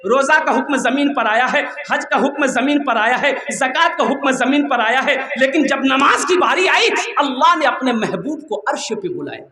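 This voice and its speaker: A man's voice: very high voice, animated, normal speed, few pauses. A man from Kolkata, an Islamic preacher giving a humorous sermon, telling stories and urging the crowd to answer. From Kolkata, India. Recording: echoey hall with long reverb.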